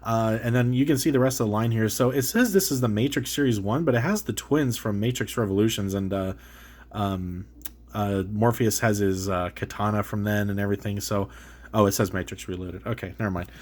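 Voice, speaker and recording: A fairly low, slightly mellow man's voice moves a little fast, thick with congestion from a cold. He's a toy reviewer hosting his channel, casually opening and assessing an action figure in talk that wanders, leans on fillers and keeps restarting.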